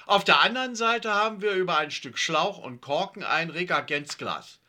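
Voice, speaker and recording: A man's voice: high-pitched, lively intonation, normal speed, bright, forceful tone, pitched above the performer's own voice, heavily acted. A man voicing an earnest schoolboy who explains a homemade experiment. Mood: earnest explaining.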